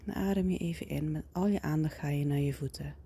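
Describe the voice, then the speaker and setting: A woman leads a guided body-scan relaxation in a soft whisper close to the ear, giving slow, soothing instructions. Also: sits low, slightly rough. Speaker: guided meditation leader.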